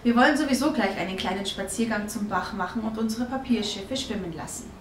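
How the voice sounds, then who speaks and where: A woman's voice: medium pitch, brisk, background noise, lightly acted. A woman voicing a friendly, welcoming young kindergarten teacher, in an echoey room from a distance. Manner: warm, welcoming.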